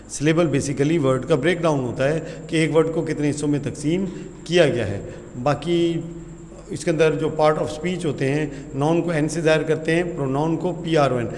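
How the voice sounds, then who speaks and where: A man with a Pakistani Urdu accent teaching an English grammar lesson, asking questions and answering them himself, and reading English sentences slowly. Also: on the high side, darkish tone. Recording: roomy hall reverb with faint noise.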